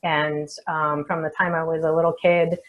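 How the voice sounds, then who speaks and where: A feng shui expert and coach answers interview questions unhurriedly and reflectively, using many soft fillers. Her voice is low-pitched with a flat delivery, and the audio is narrow and tinny.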